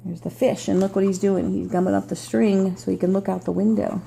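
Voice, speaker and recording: An older woman, a sweet, gentle grandmother reading a children's story aloud with chatty asides for a small child. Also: medium pitch, little pitch movement, a little fast, vocal fry, slight background noise, poor audio.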